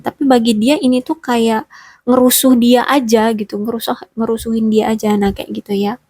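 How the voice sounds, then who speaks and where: A woman's voice: on the high side, darkish tone, no room sound. A woman giving a relationship reading straight to the listener, rambling with many fillers and self-corrections. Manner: speaks directly to the listener.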